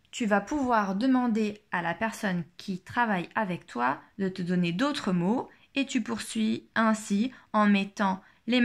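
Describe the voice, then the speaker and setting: A woman teaching a child a phonics listening game, saying each word twice and articulating every sound slowly and carefully. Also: mid-range voice.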